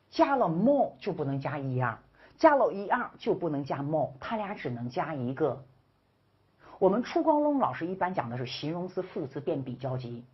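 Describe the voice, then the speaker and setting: A woman with a low, husky voice leads a grammar lesson, her pitch swinging widely as she teases and jokes. She plays out her students' questions in a back-and-forth. The recording sounds dull and lo-fi. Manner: playful, teasing, acts out students' questions. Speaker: English grammar teacher. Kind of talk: online grammar lecture.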